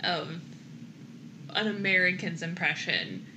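With a lowish, animated voice and a slow pace, a young female podcast co-host talks loosely about a movie, sprinkling in lots of "like" and similar fillers and laughing frequently. There's noise in the background.

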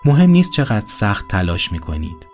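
A man narrating a motivational story in a calm, earnest voice-over. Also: lowish voice, faint music behind.

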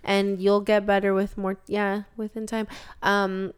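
A woman's voice: medium pitch, flat delivery, unhurried, clear, resonant tone. A young woman co-hosting a podcast, speaking earnestly and openly in casual chat. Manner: earnest, open, says "dude" and "you know". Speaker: podcast co-host.

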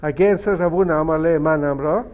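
A man with a somewhat high, darkish voice gives a religious lesson as a rabbi teaching a Talmud class, speaking quickly. He reads each phrase to his students and translates it. He stresses and repeats key points, explaining step by step.

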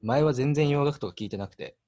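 Speaking in Kansai Japanese, a man in his twenties who plays in a band relates a story on a laid-back radio chat, easygoing and poking fun at himself. His voice sits mid-range, and he talks fairly quickly.

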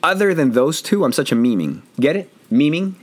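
A hoarse man hosting a casual podcast from home, joking and rambling in a self-deprecating way. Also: fairly high pitch, big pitch swings, a little fast. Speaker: podcast host. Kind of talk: casual chat.

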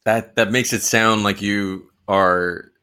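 A man with a low but bright, sharp-edged voice hosts a comedy interview. He questions his guest in a probing, mock-incredulous way. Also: steady tone, slow, clear, resonant tone. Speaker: podcast host.

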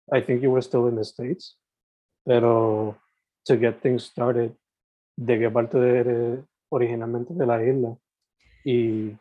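A man's voice: medium pitch, dry recording, phone-quality sound. A man hosting a casual podcast interview, switching freely between two languages in mid-sentence. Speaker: podcast host.

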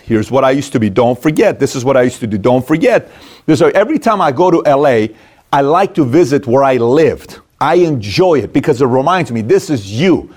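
A man with a slightly high voice and a somewhat dark tone speaks as a motivational business coach. His style is conversational but emphatic, built on punchy short phrases and rhetorical questions.

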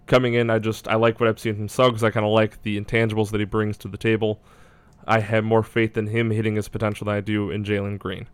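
Casual male sports analyst, low and flat delivery, clean dry sound, works out his thoughts as he speaks. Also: clean tone, no room sound. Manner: hedging, thinking aloud. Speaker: basketball draft analyst.

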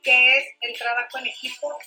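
A Mexican woman co-hosting a casual chat, speaking in a deliberate, heartfelt way. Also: high-pitched, little pitch movement, pushed and bright, faint music behind, rough recording. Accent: Mexican Spanish. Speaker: co-host. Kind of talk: casual chat over coffee.

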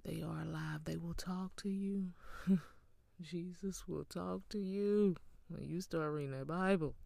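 A woman gives an earnest, encouraging devotional talk with an unhurried, gravelly voice. She often sinks into a soft whisper, her tone warm and mellow. The sound is close and dry. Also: lowish voice, fairly even intonation, dry recording. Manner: earnest, encouraging, with small laughs.

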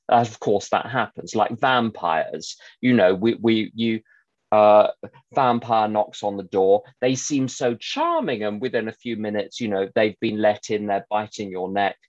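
A man's voice: on the low side, a little mellow, no room sound. A man giving an informal, digressive teaching talk as a recovery sponsor, with wry asides. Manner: chatty, digressive, with wry asides and quoted voices. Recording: dull dry recording.

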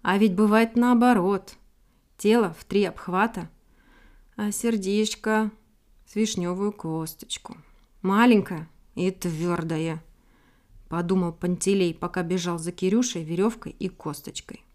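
A woman narrating a children's fairy tale in a gentle, expressive storybook reading. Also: mid-range voice, unhurried.

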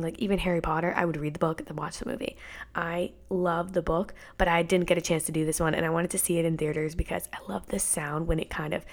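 A young woman in her twenties hosts a casual solo podcast, talking candidly and a little rambly. Her voice sits slightly low colours her words. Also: gravelly. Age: 20s. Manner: chatty, rambling, candid, many "like" fillers. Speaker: podcast host.

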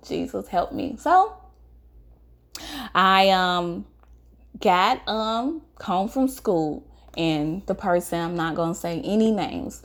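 A young adult woman telling a painful personal story straight to her viewers, earnest and emotional, halting and restarting as she speaks. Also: on the low side. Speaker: vlogger. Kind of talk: personal testimony to camera.

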